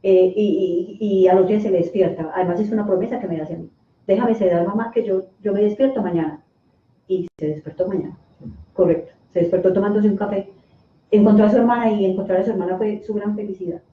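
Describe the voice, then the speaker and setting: A middle-aged woman giving an emotional personal account as a guest, halting with restarts and fillers. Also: medium pitch, fairly even intonation. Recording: echoey, distant, phone-like sound.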